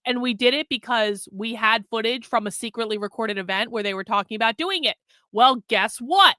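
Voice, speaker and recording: A woman's voice: a little high, a little fast, sharp tone, dry recording. A woman hosting a casual livestream commentary, emphatic and sarcastic, repeating phrases for effect. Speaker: livestream host and self-described undercover reporter.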